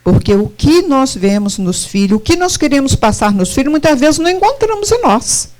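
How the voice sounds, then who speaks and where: A woman's voice: high voice, moderate pace. A middle-aged woman giving a spiritist lecture, often putting questions straight to her audience. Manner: animated, questions the audience directly.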